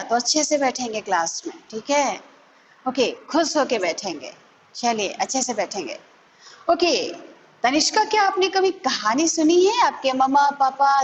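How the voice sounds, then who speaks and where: Woman teacher, patient online lesson for kids, fairly high voice, long echoey reverb, dull lo-fi sound. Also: slight background noise. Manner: patient, coaxing, mixes English words into her talk. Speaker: primary school teacher. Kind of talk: online class lesson for children. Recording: echoey, dull lo-fi room recording.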